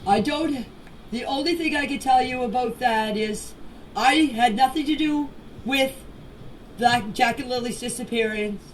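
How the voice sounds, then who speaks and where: Her voice is a little high and her pace measured as a woman leaves voice messages with an unscripted personal statement. She talks plainly and emphatically, repeating phrases for stress, on a noisy recording made far from the mic.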